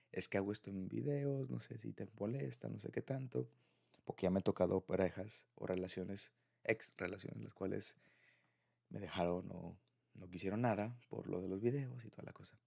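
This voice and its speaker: A young adult man with a Mexican accent speaks in a lowish, gravelly, slightly rough voice with a darkish tone at a moderate pace. He creates audio roleplay, addressing a partner in an intimate boyfriend scenario, sounding informal and confiding as he chats.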